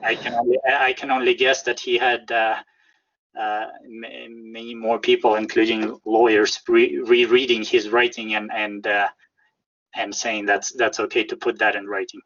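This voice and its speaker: A man with a Russian accent answering interview questions in a halting, careful way, often repeating words as he searches for phrasing. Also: fairly low pitch, little pitch movement, fairly bright tone, muffled recording. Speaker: interview guest, whistleblower. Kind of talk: conversational interview.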